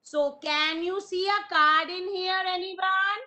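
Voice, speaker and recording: Slow sing-song teacher woman, very high and bright. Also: steady tone. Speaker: preschool teacher. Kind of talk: online preschool class.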